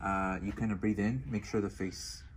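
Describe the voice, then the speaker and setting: A man with a fairly low voice speaks through a gas mask as he walks through a casual tutorial. He talks in a relaxed way and fills his pauses with ums and uhs. A faint hiss of noise sits under the recording. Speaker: product demonstrator.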